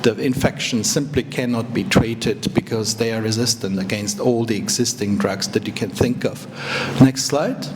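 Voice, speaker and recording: A man's voice: fairly low pitch, steady tone, moderate pace, few pauses, heavy background noise. Austrian man lecturing in a reverberant hall. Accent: Austrian German. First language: German. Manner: plain, careful explaining with frequent fillers and restarts. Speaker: guest lecturer. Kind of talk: university guest lecture.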